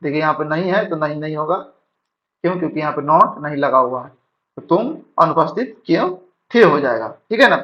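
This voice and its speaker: A man teaching English grammar in Hindi, reading sentences slowly and checking his students follow. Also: a little high, lively intonation. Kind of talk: classroom-style grammar lesson. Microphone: writing on a board while talking. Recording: dull lo-fi sound.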